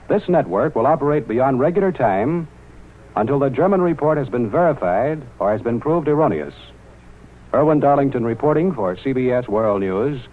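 A man reading a formal wartime radio news bulletin in a measured announcer delivery, with the sound of an old newsreel broadcast. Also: medium pitch. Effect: old newsreel-style radio broadcast sound. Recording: tinny, narrow-band 1940s radio broadcast.

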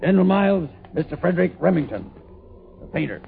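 An actor playing a suspicious, dutiful army sentry with a curt manner, in old radio drama style. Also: male voice, high-pitched, animated, fast talker, gravelly, heavily acted. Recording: phone-like, thin old radio recording.

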